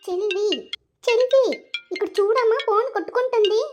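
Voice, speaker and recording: A woman voicing a gentle elder sister-in-law who urges a younger woman to talk, in a cartoon. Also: very high voice, unhurried, soft background music. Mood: urging. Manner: coaxing, motherly.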